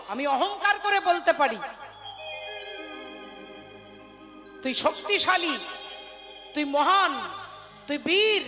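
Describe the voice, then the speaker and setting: A woman's voice: very high-pitched, pushed and bright, long reverb tail, exaggerated voice. A woman voicing a royal mother who anxiously implores her son, repeating her pleas during a devotional kirtan story. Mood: proud. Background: devotional instruments with violin.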